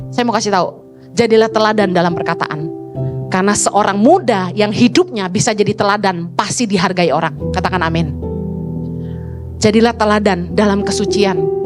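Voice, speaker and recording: A middle-aged woman pastor preaching a sermon in an animated way, acting out quoted people in high voices. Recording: music playing behind the voice.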